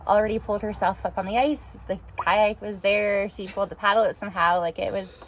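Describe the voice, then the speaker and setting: A woman's voice: medium pitch, fairly even intonation, a little fast, a little hiss or hum, low-quality recording. A woman co-hosting a kayaking vlog, speaking earnestly and from the heart in casual chat.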